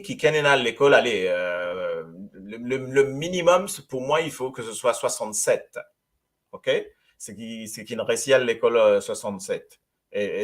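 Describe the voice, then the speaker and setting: A man with a Mauritian accent hosting a casual radio talk show, talking in a halting way and often repeating words. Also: mid-range voice, fairly bright tone. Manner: halting, repeats words, mixes Creole and French. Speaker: radio host.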